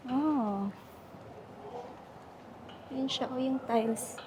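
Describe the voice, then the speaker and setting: A woman's voice: high-pitched, extremely slow, background noise. A young woman, chatting casually in a travel vlog, switching between Tagalog and English and laughing often as she walks city streets. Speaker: travel vlogger.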